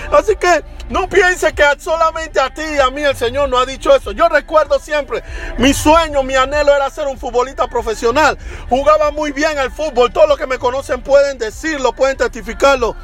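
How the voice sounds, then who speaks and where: A man preaching a sermon with fervor, rising into shouts and sung phrases. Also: extremely high pitch, fairly even intonation, normal speed, faint music behind.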